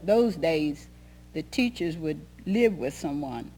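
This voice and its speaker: Low-voiced older woman recalling childhood. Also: animated, slow, mellow, a little hiss or hum, rough recording. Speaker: former pupil. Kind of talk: oral history reminiscence.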